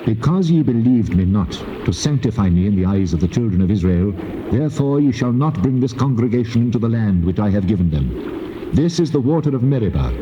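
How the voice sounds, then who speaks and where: An actor playing God as a stern, solemn, commanding divine voice in a dramatized scripture reading. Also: male voice, on the low side, big pitch swings, dark tone, a little hiss or hum. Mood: stern judgment. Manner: solemn, measured, authoritative. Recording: dull lo-fi old tape.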